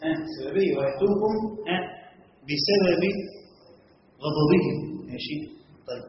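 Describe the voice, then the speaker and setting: A man's voice: on the high side, moderate pace, a little hiss or hum. A man with an Egyptian Arabic accent teaching a classroom lesson, constantly quizzing his students and checking they follow. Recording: echoey hall, dull lo-fi sound.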